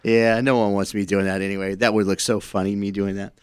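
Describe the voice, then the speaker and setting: A man's voice: lowish voice, level tone, a little fast, clean tone, no room sound, clean studio sound. A man co-hosting a radio station podcast, chatting casually and rambling with repeated words. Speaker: podcast co-host. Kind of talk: casual chat.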